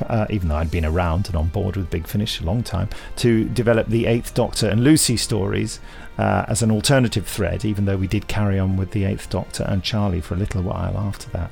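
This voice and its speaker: With a fairly low pitch and noticeable vocal fry, a male podcast host rambles wryly and digresses often. The show is a casual chat that includes readings.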